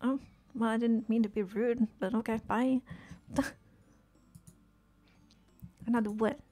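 A woman streaming a video game, chatting casually, swearing often and reacting with quick exclamations. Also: fairly high pitch, steady tone, mellow. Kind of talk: casual live-stream commentary while playing.

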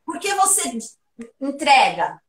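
A woman giving a private English lesson, lively and playful as she runs question drills. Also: sits high, takes it slowly, far from the mic. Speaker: English teacher.

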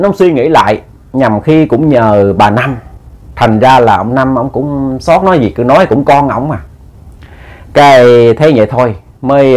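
Guy telling ghost stories, chatty, talks right to his listeners. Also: mid-range voice. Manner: chatty, addresses listeners, many fillers. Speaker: storyteller. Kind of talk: ghost story narration.

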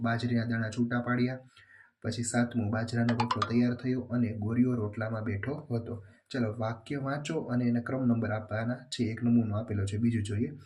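A man going through a children's workbook as a teacher, reading questions and their answers aloud in a steady, plain way. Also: mid-range voice.

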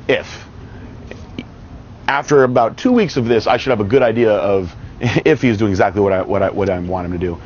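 A man in his thirties coaching outdoors in a parking lot, speaking confidently and emphatically on a lapel mic. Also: lowish voice. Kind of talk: casual outdoor interview. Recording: dull audio with faint outdoor noise.

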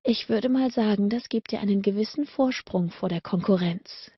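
A woman voicing a bold, teasing young woman in a soft, playful way. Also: medium pitch, moderate pace, breathy edge, no echo, highs cut off, close to an everyday voice.

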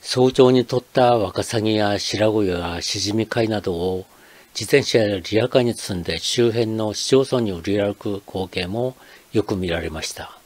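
An older man from Akita, Japan, reading a scripted narration as channel host in a measured, explanatory way. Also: fairly low pitch, darkish tone.

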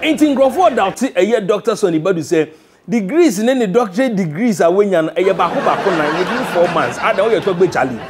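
A man with a Ghanaian West African accent hosts a satirical comedy news show. His voice sits very high for a man and he speaks theatrically, repeating phrases for effect. Noise and crowd sound sit behind his voice. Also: expressive, a little fast. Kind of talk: comic satirical news commentary. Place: indoor TV studio set. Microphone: lapel mic.

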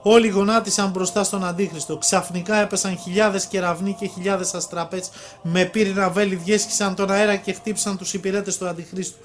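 A man reading a religious prophecy aloud at a steady pace, now and then stumbling and restarting a word. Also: sits high, a little hiss or hum.

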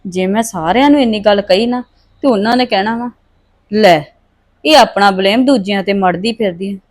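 A woman's voice: medium pitch, normal speed, lightly acted. A woman playing a wronged daughter-in-law accused of theft, pleading and aggrieved. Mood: bitter. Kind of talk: family drama acting.

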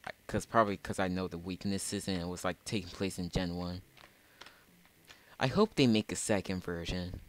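A man's voice: low voice, moderate pace. A man hosting a casual let's play, rambling and often correcting himself. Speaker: gamer, channel host.

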